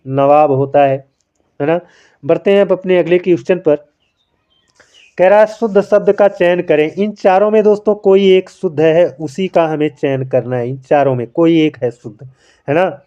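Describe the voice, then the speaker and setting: A man teaches a spelling quiz and walks through each answer slowly, asking a question and then giving the answer himself. His voice is smooth and mellow, and a little high for a man. The recording sounds dull and lo-fi. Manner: explains patiently, keeps calling listeners friends; writes by hand while talking. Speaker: Hindi grammar teacher.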